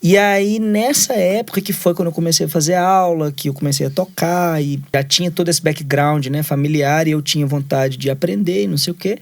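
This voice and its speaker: A man's voice: on the high side, fairly quick, gravelly, few pauses. A Brazilian man in his thirties, a musician being interviewed, chatting casually and rambling through stories with constant little fillers. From Brazil, raised in Minas Gerais. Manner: rambling storyteller, fills every phrase with "né" and "assim". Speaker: musician guest.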